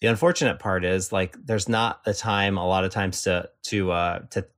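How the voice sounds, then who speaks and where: Here the enrollment strategist speaks as a podcast guest at a moderate pace, his low-pitched, fairly bright voice staying fairly even in intonation. The chat is casual and rambling, full of fillers and restarts.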